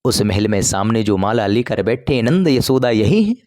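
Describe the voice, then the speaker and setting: A man voicing helpful village folk who gently give a traveler directions. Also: on the low side, sing-song, normal speed. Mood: instructive. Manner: explaining, gently instructive.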